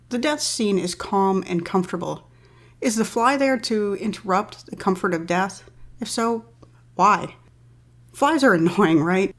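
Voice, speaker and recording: A woman reading a poem aloud and then explaining it in a calm, measured way, like a literature teacher. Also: fairly low pitch. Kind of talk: poetry reading and analysis.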